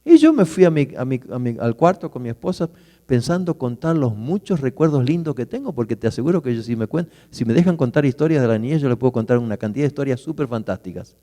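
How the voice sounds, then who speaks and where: Pastor telling a story in a reverberant hall. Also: male voice, medium pitch, big pitch swings, quick pace. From Argentina. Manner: vivid personal storytelling, swings from loud to hushed. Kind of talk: sermon storytelling. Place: church hall. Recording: church hall with long reverb.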